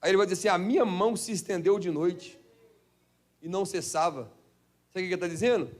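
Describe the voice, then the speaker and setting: Fervent high-voiced Brazilian pastor preaching. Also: male voice, quick pace. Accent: Brazilian Portuguese, Minas Gerais. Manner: fervent preaching, swings from shouted exclamations to hushed low asides. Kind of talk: Pentecostal sermon. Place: church.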